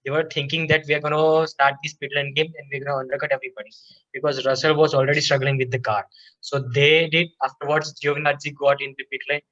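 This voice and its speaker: Bright-voiced man chatting about a race. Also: a little high, flat delivery, quick pace, highs cut off. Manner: chatty, laughs often, restarts sentences. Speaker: podcast co-host. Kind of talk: casual race review chat.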